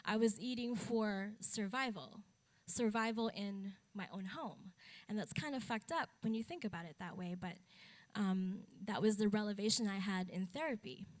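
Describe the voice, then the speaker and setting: A young Filipino woman, speaking as an advocate from a conference stage, delivers her talk at a moderate pace in a medium-pitched voice. She comes across as frank and matter-of-fact, with dry, wry humor.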